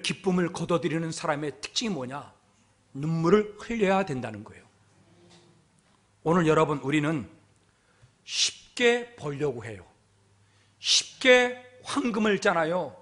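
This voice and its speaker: A man preaching to his congregation with a high, bright voice that swings widely in pitch. He drives each point home and keeps asking rhetorical questions of his listeners. The delivery is emphatic and full of repetition. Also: animated, measured pace, pauses often. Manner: emphatic, repeats "everyone" and asks rhetorical questions. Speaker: pastor. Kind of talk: sermon. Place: church sanctuary.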